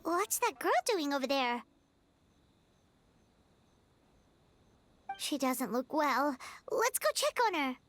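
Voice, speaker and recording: A woman's voice: high-pitched, sing-song, moderate pace, a bit bright. A woman voicing a small, chirpy, curious childlike fairy companion in a video game, exclaiming and full of questions. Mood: concerned. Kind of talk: video game character acting. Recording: game music behind the voice.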